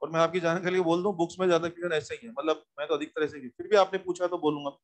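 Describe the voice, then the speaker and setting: A man teaching physics in a lively classroom lecture, coaxing students with repeated questions and reminders. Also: fairly high pitch, racing.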